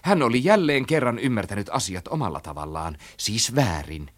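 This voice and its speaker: A man reading a children's story aloud in an animated, rhythmic storytelling style. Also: on the low side. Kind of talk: expressive storybook narration.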